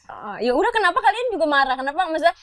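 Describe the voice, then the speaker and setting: A woman's voice: high voice, big pitch swings, racing, fairly bright tone, no room sound, studio quality. A woman co-hosting a casual chat, asking and teasing.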